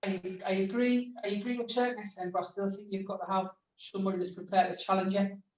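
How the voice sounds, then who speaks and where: A man on a video call who states his disagreement in a firm, measured way. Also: high voice, flat delivery. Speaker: coach. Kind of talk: casual video-call discussion. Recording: distant, roomy audio with faint noise.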